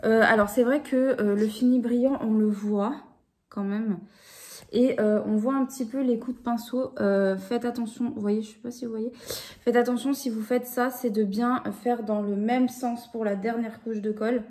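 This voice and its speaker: Woman vlogger, 30s, mellow warm voice, chatty with lots of fillers and restarts, casual home recording. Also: a little high, steady tone, normal speed. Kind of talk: casual craft vlog.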